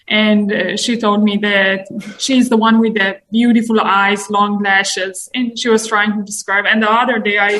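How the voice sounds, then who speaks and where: A woman's voice: mid-range voice, bright, forceful tone, poor audio. A woman in her thirties from Iran, a guest in a casual interview, speaking earnestly and reflectively. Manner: earnest, reflective, with occasional light laughs.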